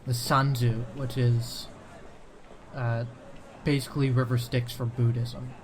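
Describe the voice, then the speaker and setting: A man's voice: medium pitch, little pitch movement, slow, a little hiss or hum. A man hosting a let's play, chatting casually and loosely over the game with plenty of fillers. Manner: loose, hesitant, full of fillers. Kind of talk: casual gaming commentary.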